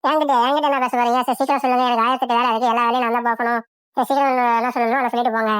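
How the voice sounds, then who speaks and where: A woman voicing a young, sharp-tongued daughter-in-law in a cartoon, with impatient, snappy retorts. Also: a little high, steady tone, very fast, smooth, no room sound, close to an everyday voice. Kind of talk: cartoon voice acting.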